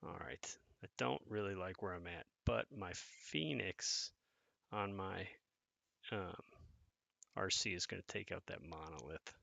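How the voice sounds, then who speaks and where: Gravelly low-voiced man commenting on gameplay. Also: unhurried, sharp tone, dry recording. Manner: casual, thinks aloud, chats with viewers. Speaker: gaming content creator.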